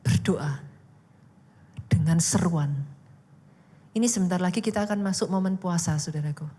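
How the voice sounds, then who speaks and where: A woman pastor preaching an animated sermon, rising into loud exhortation, in a church. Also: lowish voice, moderate pace, husky. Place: church hall. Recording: echoey church hall.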